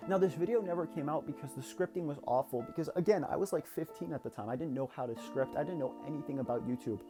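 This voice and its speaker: Candid teenage guy, slightly high voice. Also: fast, over music. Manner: candid, confessional, rambling with restarts. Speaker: YouTuber. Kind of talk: reflective personal vlog.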